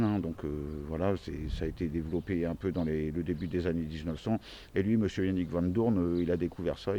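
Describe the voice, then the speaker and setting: Deep-voiced man in his forties, rambling outdoors. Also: dark tone, slight background noise. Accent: central French regional. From France. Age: 40s. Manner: rambling, many fillers and restarts. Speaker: gardening YouTuber. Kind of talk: casual self-introduction video. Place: outdoors in a small vegetable garden.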